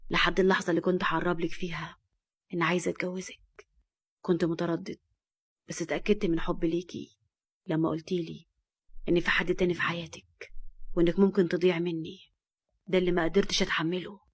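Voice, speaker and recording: A woman with an Egyptian accent voicing a cold, domineering rich man who speaks curtly and low. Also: level tone, fast talker, pauses often, slightly rough. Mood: cold, commanding. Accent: Egyptian Arabic. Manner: curt, low and menacing.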